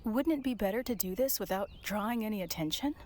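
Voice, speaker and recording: A woman's voice: mid-range voice, expressive, fast talker, a little mellow, lightly acted. An actress playing a careful, well-mannered woman accomplice with polite, precise phrasing in a video game. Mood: cautious.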